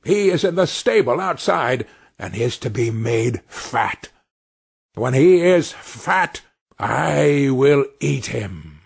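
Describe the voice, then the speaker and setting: A man voicing a cruel, mocking old witch in a storybook reading, slow and high. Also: lively intonation, creaky, husky, full character voice. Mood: bossy. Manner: slow, high, creeping and gloating.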